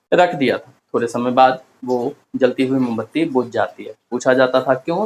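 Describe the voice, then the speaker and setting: A man's voice: mid-range voice, a little hiss or hum, low-quality recording. A male chemistry teacher, giving a classroom lecture and asking and answering his own questions as he explains step by step.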